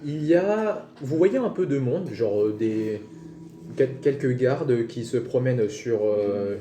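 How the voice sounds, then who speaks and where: A man's voice: medium pitch, animated, slow pace, warm tone. A man running a tabletop game as game master, improvising narration and often searching for words. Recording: roomy with faint noise.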